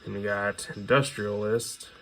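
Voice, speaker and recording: A gravelly, lowish male voice speaks over music, steady in tone and a little slow. He's hosting an informal show-and-tell of his music collection, full of opinionated fan chatter.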